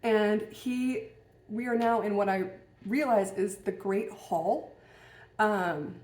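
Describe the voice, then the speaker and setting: A woman's voice: medium pitch, slow, darkish tone. Musing woman in a roomy echo. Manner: musing, hesitant, many fillers and restarts. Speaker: vlogger. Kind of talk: casual personal storytelling.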